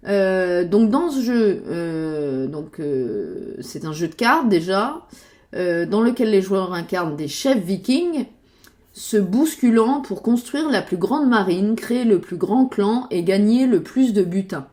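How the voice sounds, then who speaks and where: Speaking slowly in a warm, animated mid-range voice, a woman who makes board game videos on YouTube chats casually while looking things up online. Her talk is full of hesitations and fillers, and she mutters under her breath.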